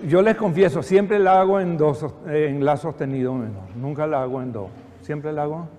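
A man's voice: fairly high pitch, normal speed, mellow, soft background music. An older man directing a choir rehearsal, giving patient, encouraging instructions with a touch of dry humor. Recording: echoey hall, faint background noise.

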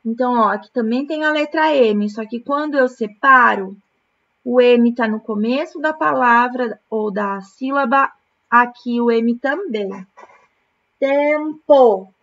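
A woman from Brazil, a primary school teacher, correcting exercises in a remote lesson, explaining words slowly, syllable by syllable. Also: fairly high pitch, a bit bright, muffled recording. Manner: slow, patient, syllable-by-syllable explanation.

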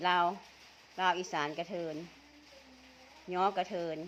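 A woman's voice: fairly low pitch, steady tone, a little slow, a bit bright, muffled recording, slight background noise. A woman with an Isan accent from northeastern Thailand, chatting casually and teasingly while eating, laughing often. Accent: Isan (northeastern Thai), Tai Yo. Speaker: vlogger.

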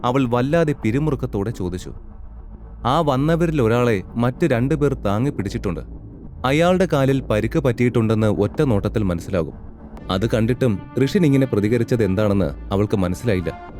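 A man's voice: medium pitch, lively intonation, normal speed, darkish tone, soft background music. Man narrating an audio drama.

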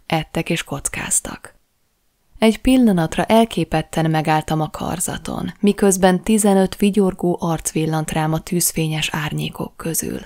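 A woman reads an audiobook in a steady, measured way. Her voice sits fairly low and carries a gravelly fry. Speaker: audiobook narrator. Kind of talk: audiobook narration.

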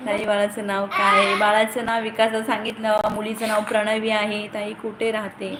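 A young woman from Ratnagiri on India's Konkan coast hosts a casual live stream on her phone, greeting viewers by name, answering comments, and calling out to her children. Her mid-range voice is completely flat and moderately paced. The echoey phone recording carries loud background noise.

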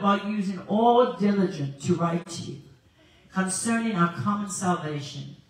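In a large indoor church sanctuary, a lowish-voiced woman in her sixties from South Africa preaches as a guest evangelist, holding a mic and telling stories with plenty of laughter. A distant camera films her, and the hall sounds very echoey from far off.

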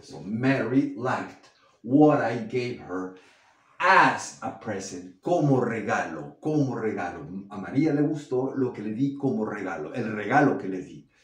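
A man's voice: mid-range voice, darkish tone, distant mic. Spanish-speaking man teaching English, echoey room. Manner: slow, drawn-out model sentences in English. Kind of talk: explaining grammar to learners.

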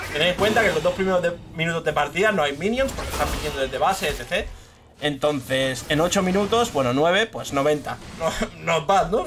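A high-voiced young man from Spain with a Spain Spanish accent, commentating his own match live in an excitable, foul-mouthed way and shouting when the action peaks. Game music plays clearly under his voice the whole time. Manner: excitable, swears freely, bursts into shouts at big plays. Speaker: streamer.

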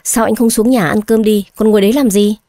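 A woman voicing an irritable, sharp-tongued young bride who scolds her husband, in an audio story. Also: mid-range voice, fairly even intonation, fast talker, no echo, close to an everyday voice. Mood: irritated. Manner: snapping, scolding.

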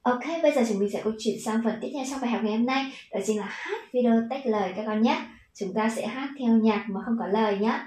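A woman's voice: fairly high pitch, quick pace, darkish tone, roomy sound, poor audio. A woman with a Vietnamese accent teaching children English pronunciation, patient and encouraging, stretching out the model words.

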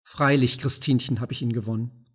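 A canny, self-pleased senator from a classic storybook who addresses people in stiff old-fashioned forms, as a male audiobook reader does him. His voice is slightly husky at a middle pitch. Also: steady tone, fairly quick, close to an everyday voice. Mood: dejected. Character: shrewd, self-satisfied old-style merchant senator.

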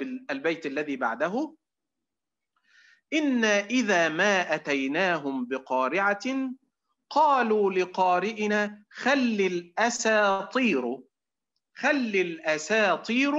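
A man's voice: fairly high pitch, fairly bright tone, dull audio. A middle-aged man with an Egyptian Arabic accent giving an online lecture to students. He quizzes them, asking fill-in questions and then answering them himself.

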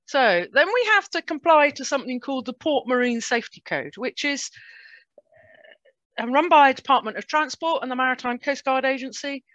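A woman's voice: high-pitched, fairly bright tone, dry recording. A woman with a British English accent giving an informal slide presentation over a video call. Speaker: presenter, port safety officer's assistant. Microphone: video call microphone. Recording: dull, dry webinar audio.

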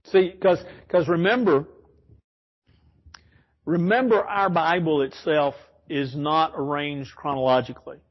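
A man's voice: on the high side, fairly even intonation, a little slow, pauses often, husky, highs cut off. A man teaching an informal Bible study in a church, rambling and correcting himself as he explains. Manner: rambling, self-correcting, chuckles often. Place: church classroom.

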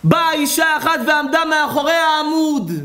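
A man voicing a humble repentant sinner who recounts his tale slowly and earnestly. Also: very high voice, steady tone, sharp tone, pitched above the performer's own voice.

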